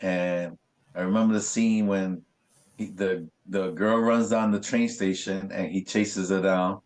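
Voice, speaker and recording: A man, a graffiti artist, telling stories in a casual interview, animated and full of swearing and street slang. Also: sits low, measured pace.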